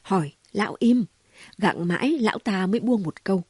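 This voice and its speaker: A gossipy city woman with a mocking, exclamation-filled way of talking, voiced by a woman reading a novel aloud. The voice is mellow and a little husky. The sound is dry and close. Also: mid-range voice, lively intonation, normal speed, no room sound. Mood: teasing. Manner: chatty, mocking, full of exclamations. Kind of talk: audiobook reading.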